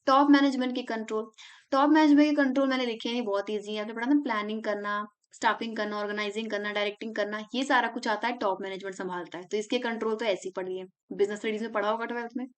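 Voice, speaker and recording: A woman's voice: fairly high pitch, fairly even intonation, fast talker. A young woman tutor giving a casual exam revision lesson, chatty, walking through mnemonics step by step with English terms in Indian English. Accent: Indian English words mixed into Hindi.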